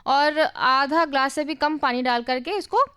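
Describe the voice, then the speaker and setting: High-voiced woman chef explaining recipes. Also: a little slow, fairly bright tone. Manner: explains recipes step by step with frequent "uh" fillers. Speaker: chef guest. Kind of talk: radio cooking interview.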